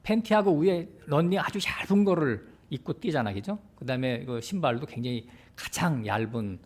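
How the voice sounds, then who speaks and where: A pastor preaching a sermon, explaining step by step and asking the congregation rhetorical questions. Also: male voice, fairly high pitch, sing-song, moderate pace.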